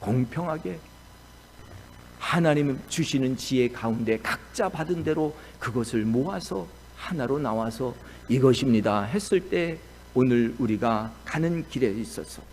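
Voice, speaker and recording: A man preaching a sermon as the pastor, telling the story in an animated way. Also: medium pitch, unhurried, a little hiss or hum.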